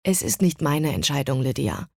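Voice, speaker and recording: A woman's voice: extremely low pitch, big pitch swings, normal speed, creaky, no room sound, clean studio sound, pitched below the performer's own voice, heavily acted. A woman voicing a sensible young woman who talks in a matter-of-fact, patient way in an audiobook. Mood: exasperated.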